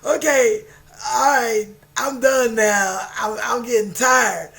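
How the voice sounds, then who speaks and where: An exasperated young woman, acted out by a man telling an anecdote, protests in a very high, loud voice. She sounds worn out yet emphatic, pressing hard on her words. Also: takes it slowly, creaky, heavily acted. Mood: exasperated, tired.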